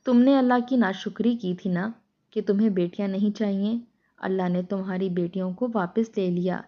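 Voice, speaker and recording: A woman's voice: medium pitch, fairly even intonation, dull audio, close to an everyday voice. A woman voicing a grieving mother driven mad by hunger and loss, in a tearful, pleading lament.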